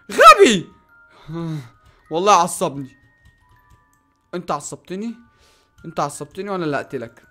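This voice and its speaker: Man, Egyptian accent, excitable gameplay commentary, bright tense voice, faint music underneath. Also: high voice. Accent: Egyptian Arabic. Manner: excitable, shouting and yelping at sudden dangers. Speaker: gaming YouTuber.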